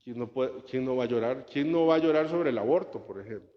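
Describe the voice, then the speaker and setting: A man's voice: mid-range voice, lively intonation, brisk. A man, a priest, giving a conversational homily with anecdotes and rhetorical questions. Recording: muffled sound with long church reverb.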